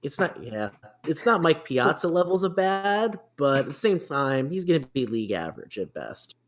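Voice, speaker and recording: A man's voice: a little high, sing-song, moderate pace. A man hosting a casual sports podcast, rambling through a list with many restarts, fillers and self-deprecating asides. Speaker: podcast host.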